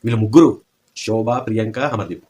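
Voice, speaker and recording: A man's voice: on the low side, quick pace, darkish tone. A man giving opinionated commentary, asking pointed rhetorical questions.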